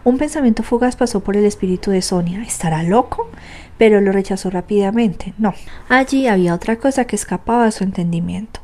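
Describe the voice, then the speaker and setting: A woman narrating a classic novel as an audiobook, with steady, dramatic storytelling. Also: mid-range voice, fast.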